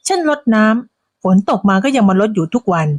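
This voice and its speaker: A woman voicing a hardworking elderly village woman who scolds slowly and firmly. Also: medium pitch, very animated, no echo. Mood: indignant.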